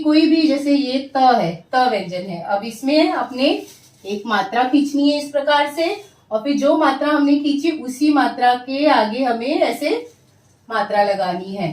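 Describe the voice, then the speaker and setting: A woman teacher slowly sounding out syllables and words, loud and clear for pupils to repeat after her. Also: high voice, animated, far from the mic. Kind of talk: Hindi vowel-sign lesson for children. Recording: echoey room, voice set back from the mic.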